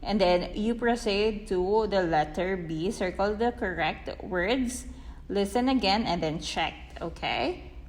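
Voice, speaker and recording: A woman's voice: mid-range voice, slow, big-room sound. A woman English teacher explaining a textbook lesson in a patient, repetitive way, often checking with "okay?".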